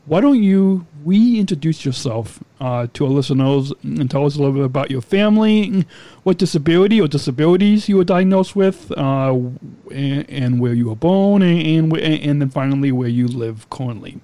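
A man's voice: on the high side, expressive, normal speed, mellow, dry recording. A man in his thirties hosting a podcast interview, asking long rambling questions with many restarts. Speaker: podcast host. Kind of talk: casual interview.

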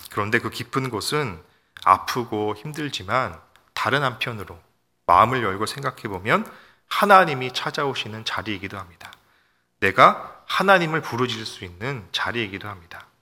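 A man's voice: medium pitch, sharp tone. A man preaching a sermon as a pastor, earnest and emphatic, urging his listeners again and again. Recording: long reverb of a hall.

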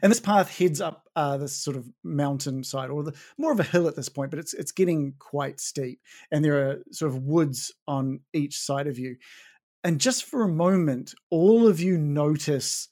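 A game master narrating a tabletop game in a relaxed, conversational way. The delivery is full of fillers and restarts, at a middle pitch. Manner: casual, filler-heavy narration.

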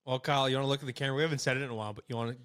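Bright-voiced joking man. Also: medium pitch, rapid-fire, smooth. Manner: animated, joking, blunt. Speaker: podcast co-host. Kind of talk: casual podcast chat.

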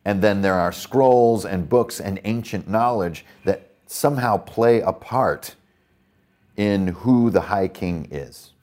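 A man with a low voice hosts a roleplaying game podcast. He rambles with enthusiasm about his setting, leaning on fillers and asides. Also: takes it slowly, a little mellow. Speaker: podcast host and dungeon master. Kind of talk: casual worldbuilding talk.

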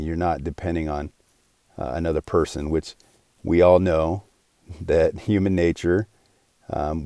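A man's voice: very deep voice, mellow, dry recording. A man in his forties hosting his own podcast, talking alone in an earnest, rambling way with many restarts. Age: 40s. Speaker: podcast host. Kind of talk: casual solo podcast monologue.

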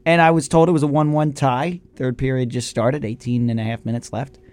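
A man co-hosting a casual sports talk show, animated and opinionated as he reasons aloud. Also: medium pitch, fairly quick. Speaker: sports radio co-host.

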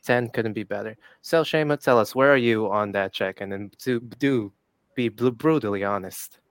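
A man's voice: medium pitch, normal speed, smooth, no room sound, clean studio sound. A young man hosting a casual talk show in a teasing, sardonic way. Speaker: podcast host.

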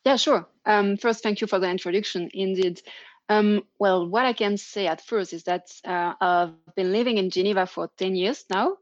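A woman's voice: mid-range voice, normal speed, no room sound, lo-fi sound. A woman with a French accent, answering interview questions with many fillers and restarts. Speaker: interview guest, company founder. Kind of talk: live interview over video call.

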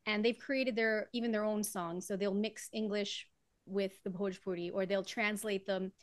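A woman's voice: mid-range voice, fairly even intonation, normal speed, no echo. Woman guest singer from Trinidad, chatty with frequent laughs; dry close sound. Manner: chatty, laughs often while explaining. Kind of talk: casual interview conversation.

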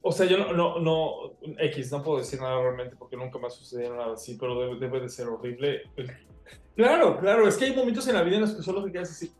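A woman's voice: low voice, fast, darkish tone, reverberant, faint music behind. A woman co-hosting a casual podcast chat, breaking in with teasing, sympathetic questions. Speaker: podcast co-host.

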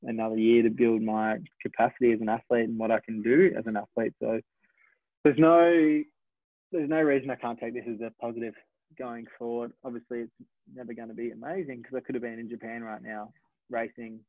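A man in his twenties from Australia, a sprinter talking through his races in a reflective, measured way, often correcting himself. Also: medium pitch, fairly even intonation, no room sound. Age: 20s. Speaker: sprinter, interview guest. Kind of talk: casual interview talk. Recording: dry, tinny phone-like line.

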